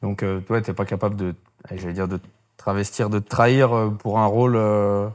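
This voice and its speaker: A man's voice: fairly low pitch, level tone, a little fast. A man hosting a casual interview, asking hesitant questions with many fillers and restarts. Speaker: interviewer, host.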